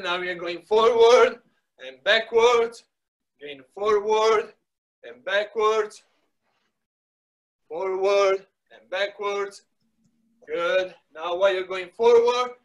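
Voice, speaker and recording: A man's voice: sits high, slow pace, a bit bright, muffled recording. A middle-aged man coaching a live workout, giving short repeated commands with words of encouragement. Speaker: soccer fitness coach. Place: small wood-panelled indoor room. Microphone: device mic a few metres away.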